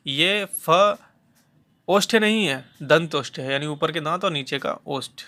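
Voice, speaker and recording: A male teacher with a bright, fairly high voice gives a lecture on phonetics. He talks slowly and patiently, repeating terms and pronouncing each sound aloud to demonstrate it. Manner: patient, repeats key terms and demonstrates sounds aloud, frequent "theek hai" check-ins. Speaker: Hindi teacher for exam preparation.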